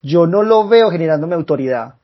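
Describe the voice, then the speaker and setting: A man's voice: on the high side, animated, a little fast, highs cut off. A man co-hosting a podcast, chatting casually and laughing often. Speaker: podcast co-host. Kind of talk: casual chat.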